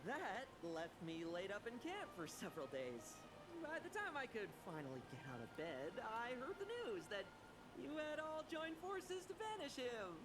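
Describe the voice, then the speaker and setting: Pitched a little high, this woman speaks at a moderate pace with big swings in intonation. She's an actress portraying a cheeky young knight who teases playfully and shifts between cheer and gloom. The game recording has noise.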